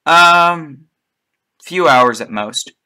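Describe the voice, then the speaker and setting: A man narrating as game master of a tabletop game, halting and slow, putting formal lines in a king's mouth. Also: a little high, animated, bright, forceful tone, clean tone.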